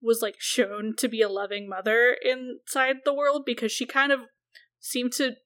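A woman's voice: on the high side, little pitch movement, moderate pace, fairly bright tone. Chatty woman talking movies. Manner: chatty, swears freely, lots of "like". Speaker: podcast co-host. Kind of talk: casual film discussion chat.

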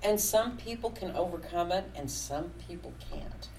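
A woman with a very low voice talking casually on a podcast, blunt and opinionated, and pressing her points hard. She sits a little back from the microphone, and faint noise hangs behind her. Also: lively intonation, normal speed, a little mellow. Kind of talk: casual chat. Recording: slightly distant mic with faint background noise.

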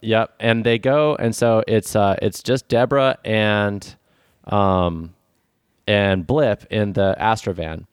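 A man's voice: on the low side, fairly even intonation, slow, clear, resonant tone, no room sound, studio quality. A man co-hosting a comedy podcast, improvising a story loosely with many fillers.

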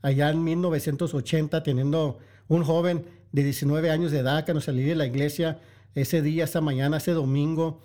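A middle-aged male pastor preaches in a fairly high yet mellow, warm voice. He talks emphatically, circling back over his phrases and speaking straight to his brothers and sisters in the congregation. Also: fairly even intonation, a little fast. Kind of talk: sermon.

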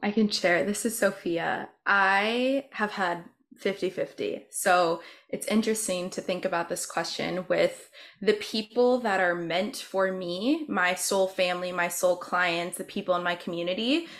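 A woman's voice: lowish voice, a little slow, fairly bright tone. A woman speaking as a guest in a round table held over a video call. She talks candidly and emphatically, swears casually, and acts out what other people say.

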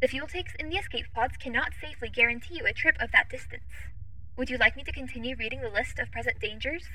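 A woman voicing a polite, literal-minded female AI ship assistant who speaks in too-smooth, even, formal phrases. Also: high-pitched, fast, low-quality recording. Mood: formal, informative. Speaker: ship's AI assistant. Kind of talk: audio drama acting.

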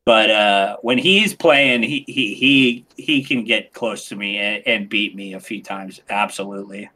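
Excitable man, bright tone, casual interview chat, frequent restarts. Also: on the low side, a little slow. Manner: animated, excitable, lots of restarts. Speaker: podcast guest, game streamer.

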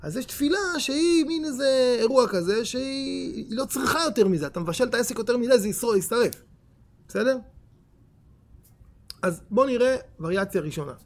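Man, rabbi, Torah lesson, high voice, gravelly, emphatic, questions the audience. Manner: animated, emphatic, questions the listeners directly. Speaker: rabbi teaching a class.

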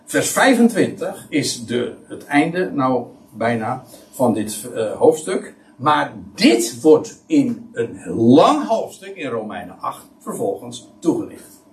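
Animated preacher, off-mic. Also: male voice, medium pitch, slow pace. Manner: animated, emphatic, many restarts. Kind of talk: sermon, Bible teaching. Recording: voice somewhat far from mic.

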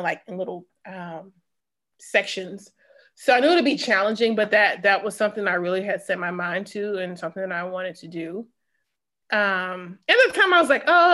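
A woman from Mississippi, a former sprinter, is a guest in a casual, conversational interview. Her mid-range voice is a bit bright and carries a Southern Mississippi accent. She tells personal stories, punctuated by emphatic asides.

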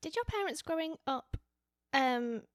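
A woman's voice: high-pitched, sing-song, a little slow, no echo. A woman hosting a podcast, opening the show and asking questions in an upbeat, welcoming way. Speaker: podcast host. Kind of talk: podcast intro and casual interview.

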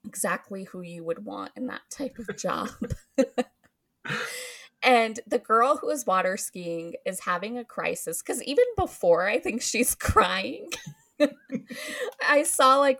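With a mid-range, fairly bright voice, a woman hosts a podcast where she casually goes over a film's plot. She laughs a lot and leans on ums and likes as fillers.

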